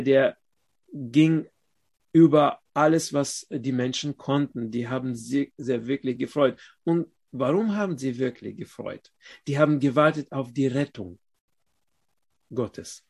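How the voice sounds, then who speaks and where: Slow, halting male preacher. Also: mid-range voice, gravelly, breathy edge. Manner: slow, halting delivery with pauses, rising loud when reading scripture aloud. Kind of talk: sermon.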